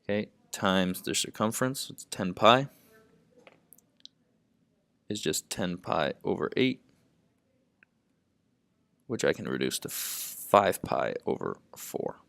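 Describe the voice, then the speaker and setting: A man's voice: low voice, sing-song, slow, vocal fry, pauses often, fairly bright tone, no room sound. A man explaining math problems step by step, thinking aloud and saying "okay" at nearly every step. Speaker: math tutor. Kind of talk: lesson narration while writing.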